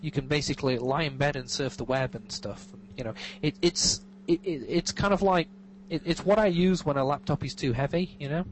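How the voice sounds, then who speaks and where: A rough, slightly noisy remote recording captures an English guest living in California in casual interview chat. His voice sits on the high side and runs a little fast, and he rambles, restarts often and makes fun of himself.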